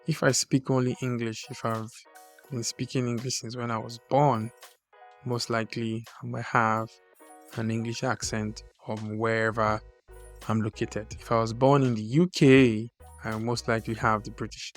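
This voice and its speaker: A man from Nigeria with a Nigerian accent, hosting his own podcast in a measured, deliberate way. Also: mid-range voice, level tone, a bit bright, soft background music. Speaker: podcast host. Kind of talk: scripted solo podcast talk.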